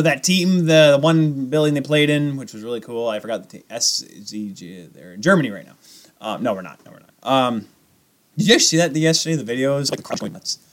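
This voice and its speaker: A man with a voice a little on the high side co-hosts a sports podcast. He talks in a casual, rambling and jokey way. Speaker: podcast co-host.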